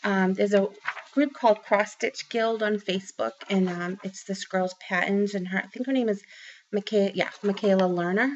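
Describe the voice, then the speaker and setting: A Boston-accented woman in her forties, a craft vlogger, sits in a small room at home rambling to camera about her craft haul, with many ums and restarts. She speaks at normal speed in a mid-range voice with fairly even intonation. Recorded close on a webcam, the sound is dull and lo-fi with a little hiss or hum.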